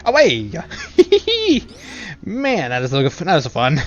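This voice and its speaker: A man's voice: medium pitch, very animated, fairly quick, dull audio. A man from England with an English accent, casually talking to himself in playful, rambling commentary while streaming a video game. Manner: rambling, playful self-talk with giggles. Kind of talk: casual live gameplay commentary.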